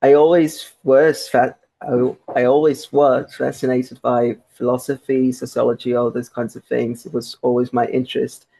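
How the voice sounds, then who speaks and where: Speaking from home on a poor-quality remote call, a young guest researcher from Brazil answers interview questions in a Brazilian Portuguese accent. His voice is mid-range, gravelly and mellow, with little pitch movement, normal speed and few pauses. He keeps it conversational, restarting often and using fillers.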